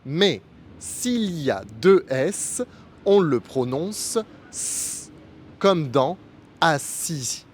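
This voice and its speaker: A man with a slightly high voice walks through pronunciation at an extremely slow, deliberate pace. Every sound is shaped carefully, as in a scripted lesson for beginners. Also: animated, a little hiss or hum. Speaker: French teacher.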